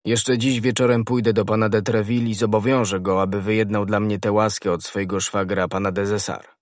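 A man's voice: fairly low pitch, little pitch movement, a little fast, no room sound, studio quality, lightly acted. A man doing an ardent young guardsman. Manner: ardent, impulsive. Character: bold, hot-headed young male guardsman.

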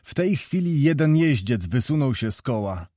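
A male narrator reading a historical novel aloud, measured and expressive. His voice sits in a mid range and is recorded close and dry, with no room sound. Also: medium pitch, no echo. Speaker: audiobook narrator.

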